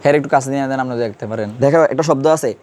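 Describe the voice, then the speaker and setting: A man's voice: mid-range voice, rapid-fire, a little mellow. A man teaching a classroom grammar lesson, quizzing students and repeating key terms.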